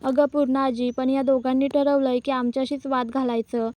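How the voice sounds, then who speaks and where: A woman's voice: sits high, little pitch movement, moderate pace, dark tone, no room sound, close to an everyday voice. A woman voicing an argumentative young husband who defends his wife in a family quarrel.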